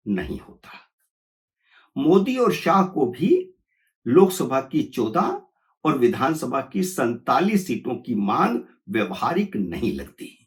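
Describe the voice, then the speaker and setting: A man delivering a political analysis monologue, assertive and emphatic. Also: mid-range voice. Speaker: political commentator.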